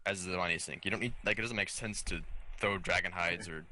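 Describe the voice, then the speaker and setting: Very bright, lowish male guest voice. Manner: quick, tossing out ideas, hedging. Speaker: podcast guest. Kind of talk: casual chat.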